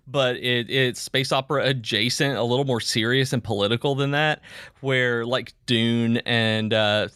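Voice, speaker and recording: A man's voice: medium pitch, pushed and bright, clean tone, no echo, studio quality. A man co-hosting a podcast, chatting casually and enthusiastically, rambling with restarts. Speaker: podcast co-host. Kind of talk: casual chat.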